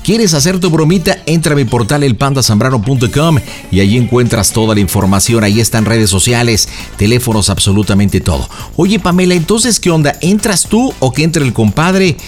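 Lively Mexican radio host. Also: male voice, medium pitch, fairly quick, faint music behind. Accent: Mexican Spanish. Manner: animated, coaching, playful. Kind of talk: prank call radio show.

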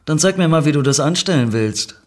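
Woman playing a dark-voiced seductive stranger. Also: sits low, animated, brisk, pitched above the performer's own voice. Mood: teasing.

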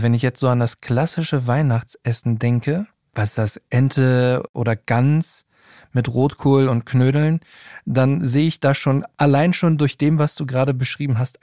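A man's voice: mid-range voice, dark tone, no echo, studio quality. A man hosting a podcast, chatting in a friendly way and speaking straight to his listeners. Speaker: podcast host. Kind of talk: casual podcast interview.

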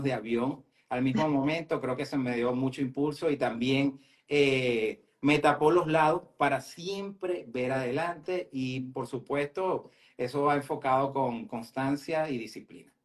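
A man speaking earnestly as a guest in a live interview, steady and motivational. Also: medium pitch, moderate pace, few pauses. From Venezuela. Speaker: guest entrepreneur.

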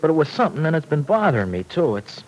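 Plainspoken slangy young city lug, loyal, old radio soap, very animated voice. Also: male voice, fairly high pitch, fast, low-quality recording. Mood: wary, protective.

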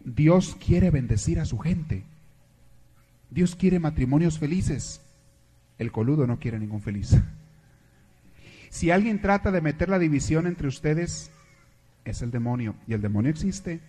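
A man's voice: on the high side, animated, a little slow, pauses often, warm tone, slightly rough. A man, a priest giving a sermon in a storytelling, joking manner.

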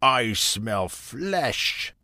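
A man voicing a greedy, menacing male ogre in a storybook reading, drawing out his words slowly. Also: medium pitch, big pitch swings, pushed and bright, no echo, clean studio sound, full character voice.

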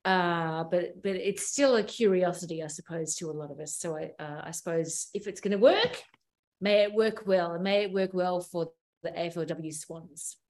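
Brisk Australian woman hosting. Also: on the low side, a little mellow. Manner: brisk, steering the talk with questions. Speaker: podcast host. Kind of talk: hosting a sports podcast.

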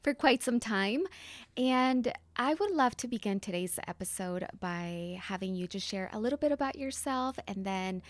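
A woman's voice: medium pitch, animated, normal speed, no echo. A woman hosting a podcast conversation, affirming her guest often as she speaks. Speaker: podcast host. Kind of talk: casual conversation.

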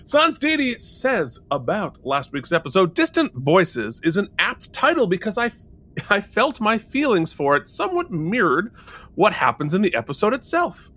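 A man with a high, bright voice co-hosts a relaxed review podcast. His pitch swings widely as he jokes, reads out comments and laughs often. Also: moderate pace. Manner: animated and jokey, laughing often. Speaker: podcast co-host. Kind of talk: casual chat.

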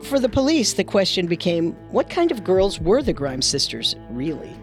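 A woman's voice: lowish voice, big pitch swings, moderate pace, faint music behind. A woman delivering scripted true crime narration as a storyteller.

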